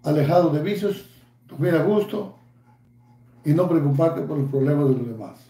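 A Mexican man in his fifties rants and taunts, swearing at every turn. His voice runs high yet mellow. The room around him rings with echo. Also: normal speed. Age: 50s. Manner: angry, profane, taunting. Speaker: YouTuber. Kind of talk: ranting vlog.

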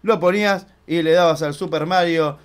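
Excitable high-voiced Argentine man. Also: normal speed, smooth. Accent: Argentine Spanish. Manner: chatty, excitable, swears loudly when he fails. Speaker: gaming channel host. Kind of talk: casual let's-play commentary.

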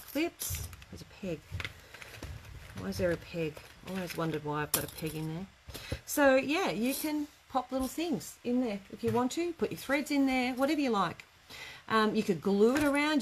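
Her voice a little high, a middle-aged woman runs a live craft class from an indoor craft studio workroom, keeping the chat informal and slightly rambling. The audio is poor, and room background noise stands out.

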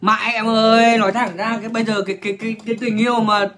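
A man's voice: sits high, flat delivery, fast talker, a bit bright. A man, ranting bluntly and crudely to viewers on a livestream. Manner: crude, profane, blunt, lecturing.

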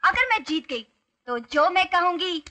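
A woman's voice: extremely high pitch, lively intonation, measured pace, pushed and bright. Bantering young woman friend, film comedy. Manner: challenging, betting banter. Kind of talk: Hindi film comedy acting.

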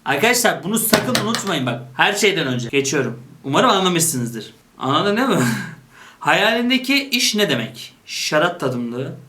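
Casting: playful young man, voice a bit high, casual quiz-video chat, quick to joke. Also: sing-song, sharp tone. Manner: reads options aloud and jokes about each. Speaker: YouTuber. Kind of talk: casual chat while taking an online quiz.

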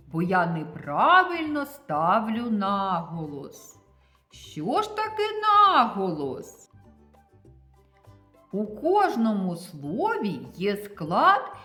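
A woman teacher giving a slow, deliberate lesson to young children, stressing each syllable. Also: medium pitch, pushed and bright.

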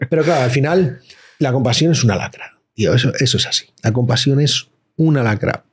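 A man, a rapper guest telling stories in slangy, animated casual chat. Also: mid-range voice, a little fast, breathy edge. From Madrid, Spain. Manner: slangy, animated storytelling with acted-out voices.

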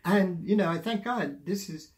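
An older man, a veteran of the music industry, giving animated, folksy motivational advice in an interview. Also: high-pitched, moderate pace.

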